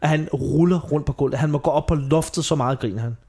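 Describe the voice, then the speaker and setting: A man with a slightly higher voice hosts a casual podcast chat. He retells scenes loosely, quotes lines in passing and laughs often. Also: mellow. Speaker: podcast host. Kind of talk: casual chat recapping a TV show.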